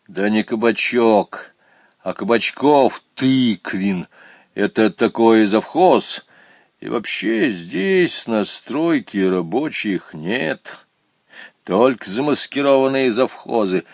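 A man reading a children's story voicing a grown man who slowly explains a scheme, deliberate and sly. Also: on the low side, animated, no echo, studio quality, exaggerated voice. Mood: explaining.

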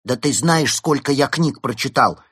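Male narrator doing a fussy storybook penguin, indignant and lively. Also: on the low side, slow, husky, no room sound, clean studio sound, full character voice. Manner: indignant, huffy. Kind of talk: storybook reading.

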